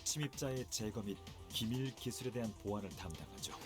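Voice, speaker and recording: A man's voice: lowish voice, racing, music in the background, natural voice. A man voicing a breezy, playful researcher. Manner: casual, teasing.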